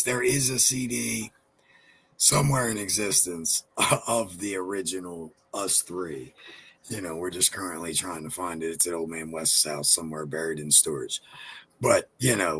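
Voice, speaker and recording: A rapper in his thirties, appearing as a guest in a casual interview, rambles and swears with lots of "you know, like." His deep, husky voice comes across pushed and bright. The recording is rough, with slight background noise.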